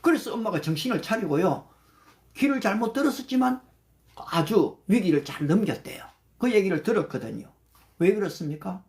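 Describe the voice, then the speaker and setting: An older man leading a livestreamed prayer meeting, reciting Bible verses slowly in English and thanking viewers by name. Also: high voice, very animated, vocal fry, a little mellow. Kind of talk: livestreamed devotional talk.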